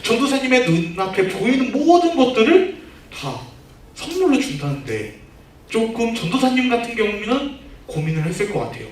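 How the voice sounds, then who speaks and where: A man's voice: very high voice, big pitch swings, moderate pace. A man, a junior pastor, giving a children's sermon, asking the children questions and leading them in reading aloud. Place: church room. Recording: echoey room, far from the mic, faint noise.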